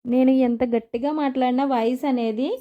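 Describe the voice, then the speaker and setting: Young female vlogger, soft-spoken and chatty, flat delivery, built-in mic. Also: high-pitched, brisk, dull audio. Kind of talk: casual chat to viewers. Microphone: no microphone, phone or camera built-in mic.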